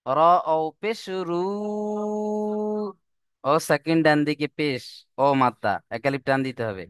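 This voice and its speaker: In an unhurried, smooth, mid-range voice, a man teaches the rules of Quran reading step by step in a slow lesson, stretching the example words into a sung recitation. It's studio quality, with no room sound.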